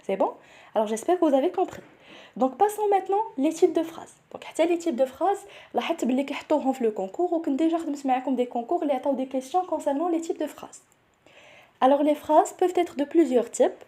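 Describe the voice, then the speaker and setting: A young woman with a Moroccan accent teaching a grammar lesson for an exam. She mixes French with Moroccan Arabic, explains each point step by step and keeps asking if it is clear. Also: high-pitched, lively intonation, very fast, dark tone. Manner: switches between French and Moroccan Arabic, checks in with "c'est bon?". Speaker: teacher preparing students for nursing school entrance exams.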